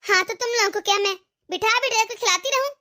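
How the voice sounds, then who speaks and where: Woman playing a demanding young cartoon wife, very high, bright, sharp-tongued. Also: fast. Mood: angry. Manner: bossy, demanding. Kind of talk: cartoon voice acting.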